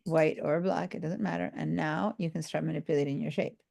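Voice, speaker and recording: Tired woman instructor, gravelly voice, rambling with fillers, online class over a computer mic. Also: low-pitched, fairly even intonation, brisk, warm tone. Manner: tired, yawning, rambling with many fillers and restarts. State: sleep-deprived and tired. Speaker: design software instructor.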